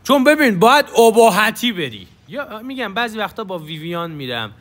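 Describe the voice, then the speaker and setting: A man's voice: high voice, big pitch swings, a bit bright. A young man giving casual gameplay commentary as a gaming YouTuber, chatty and coaching viewers on tactics.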